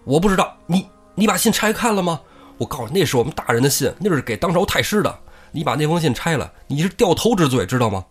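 A pompous courier who gets flustered fast, put on by a male storyteller. His voice leaps up high and swings around wildly as he protests. He rattles on quickly, all bluster and alarm. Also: sing-song, breathy edge, faint music behind. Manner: blustering, indignant. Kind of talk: comic storytelling.

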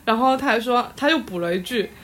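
Female guest with a slightly high voice, animated and exasperated as she retells a story, laughing through it. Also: fast talker, slight background noise. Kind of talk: casual storytelling chat. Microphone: live audio chat app.

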